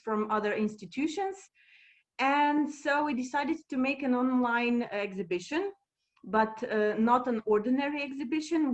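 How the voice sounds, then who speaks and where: Woman from Croatia, somewhat high voice, halting with fillers, muffled video call sound. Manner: hesitant, many fillers. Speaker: librarian presenting a project. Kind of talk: informal online presentation.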